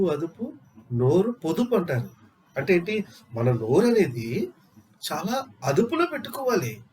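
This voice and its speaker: A man's voice: on the high side, a little mellow, a little hiss or hum. A man preaching a sermon, asking his listeners rhetorical questions and repeating phrases for emphasis.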